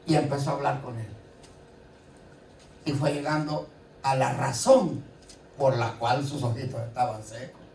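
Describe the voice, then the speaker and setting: This man's voice is medium in pitch, somewhat slow, creaky, and darkish, with long pauses and slight background noise. He preaches conversationally in a church, often asking rhetorical questions, heard from afar in an echoey hall with faint ambience and congregation responses.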